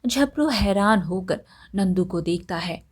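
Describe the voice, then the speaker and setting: A woman narrating a moral village tale in a calm, measured way. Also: medium pitch, slightly rough. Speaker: storyteller. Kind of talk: storybook narration.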